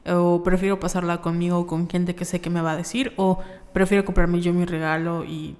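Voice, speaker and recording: A woman's voice: on the low side, little pitch movement, a little fast, darkish tone. Chatty young Mexican woman, echoey room. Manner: chatty storyteller, acts out quoted voices. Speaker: podcast co-host. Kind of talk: casual chat.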